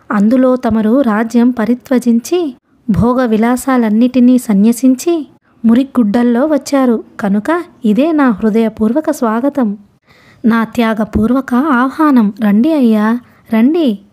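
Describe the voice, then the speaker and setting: Rambling old hermit man, mad and grandiose, fawning and boastful, raised mellow voice, storybook figure, put on by a woman narrator. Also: on the high side, natural voice. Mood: fawning welcome.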